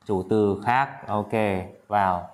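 A man teaching an English lesson in Vietnamese, drilling English phrases slowly and often checking that his students follow. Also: on the low side. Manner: drills English words slowly, repeats himself, coaxing checks. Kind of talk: classroom-style video lesson.

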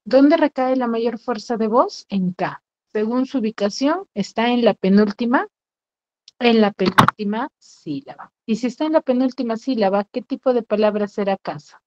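A woman's voice: a little high, normal speed, dry recording. A woman teaching an online class, patiently repeating her questions to the students. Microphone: video call. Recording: dull lo-fi, dry.

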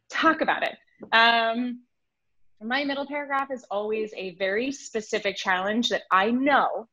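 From her home over a video call, a Swiss sales consultant in her thirties whose native language is French joins a podcast interview as a guest. She speaks rapidly and animatedly at a medium pitch, using her hands and acting out emails. No room sound comes through the dull, dry audio.

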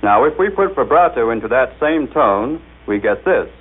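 A man's voice: medium pitch, animated, moderate pace, slightly rough, faint music behind. An American man presenting a formal scripted demonstration with careful, showmanlike enunciation. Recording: tinny, band-limited 1930s radio recording.

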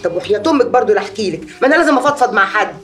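Actress doing chatty egyptian mom bragging about her husbands, fast talker, kinda far from the mic. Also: mid-range voice, lively intonation, a bit bright, close to an everyday voice. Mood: gossiping. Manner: chatty, gossiping, dramatic exclamations. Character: boastful middle-aged mother, gossipy much-married storyteller. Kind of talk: TV comedy series acting.

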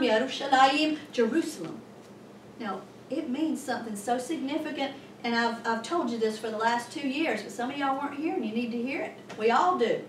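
Lady pastor preaching, high voice, echoey church room, mic kinda far off, bit of hiss. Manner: animated, emphatic preaching with sudden loud bursts. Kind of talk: sermon. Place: church sanctuary.

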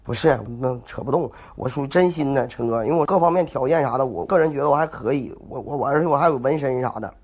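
Speaking fast with few pauses, this young prank caller has a medium-pitched, slightly mellow voice. He comes from Northeast China, carries a Northeastern Mandarin accent, and meanders through the call while pretending to be innocent.

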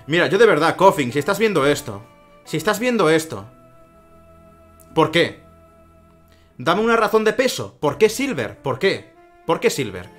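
A man's voice: on the high side, big pitch swings, moderate pace, pauses often, fairly bright tone, soft background music. A man with a Spain Spanish accent doing gameplay commentary in a sarcastic, swearing, ranting manner. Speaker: let's play commentator.

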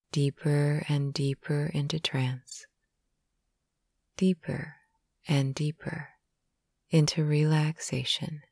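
Calm woman doing sleep hypnosis, soft and slow, sometimes whispery, dry recording. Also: deep voice, vocal fry, slightly rough, dry recording. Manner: slow, soothing, soft, with some whispered phrases. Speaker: hypnosis guide. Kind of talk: guided sleep hypnosis narration.

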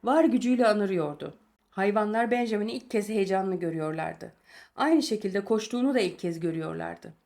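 Calm woman reading a novel aloud. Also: mid-range voice, brisk, vocal fry. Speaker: audiobook narrator.

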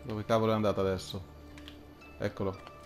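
Male gamer, lowish voice, casual play commentary in muttered fragments, music underneath. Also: little pitch movement, fairly quick. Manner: muttering to himself in short phrases. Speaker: video game player. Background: game music.

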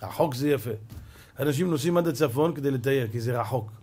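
A man, a rabbi, giving a sermon as an animated storyteller who drops to a hush for suspense. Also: mid-range voice, slightly rough.

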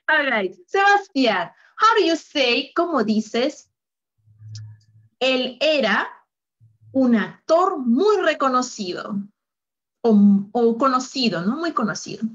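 A woman's voice: high-pitched, very animated, takes it slowly, pauses often, fairly bright tone, dull audio. A woman teaching a live online English lesson, upbeat and full of praise, switching between Spanish and English.

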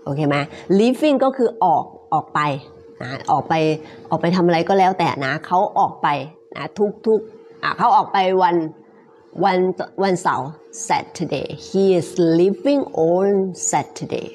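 A woman teaching English pronunciation, repeating phrases word by word and then explaining them quickly, with frequent polite particles. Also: fairly low pitch, sing-song, darkish tone, a little hiss or hum. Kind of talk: live-streamed pronunciation lesson.

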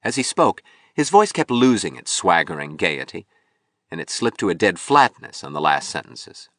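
A man narrating an audiobook novel in a measured, expressive storytelling manner. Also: low voice, no echo, clean studio sound.

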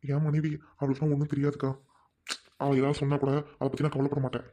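Man as a fast-talking loyal younger brother, dark tone, urgent and pleading, family drama. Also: medium pitch, monotone, close to an everyday voice. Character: devoted hot-tempered younger brother.

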